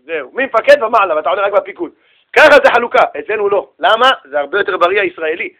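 A man giving a religious talk in a lively, casual storytelling manner, using street slang. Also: sits high. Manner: animated, casual slang, acts out voices.

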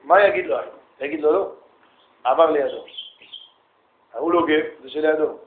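A high-pitched man lecturing with humor, acting out exchanges in quick bursts. The sound is thin and phone-like, and it bounces around an echoey room. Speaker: yeshiva lecturer. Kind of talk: humorous talk to students.

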